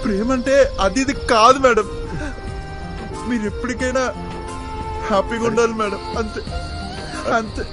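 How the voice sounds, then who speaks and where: A man's voice: extremely high pitch, steady tone, normal speed, long pauses, over music. An actor playing an earnest, lovestruck young male student who speaks sincerely to his teacher. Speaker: college student. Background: loud film score.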